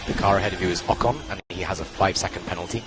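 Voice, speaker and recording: A man working as a race engineer on team radio, giving calm, clipped spotter-style instructions and repeating key calls. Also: low voice, rapid-fire. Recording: radio transmission with loud music behind.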